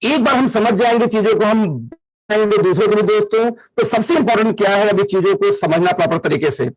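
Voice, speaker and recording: A man's voice: high voice, brisk, dry recording, rough recording. A man presenting a business plan in a live online meeting, upbeat, mixing English phrases into his Hindi. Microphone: computer mic in a video call.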